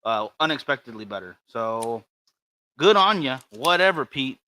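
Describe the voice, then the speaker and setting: A man's voice: medium pitch, animated, moderate pace, pushed and bright, dry recording. A man co-hosting a livestream in casual chat, with dry, teasing grumbles. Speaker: co-host of a cigar show.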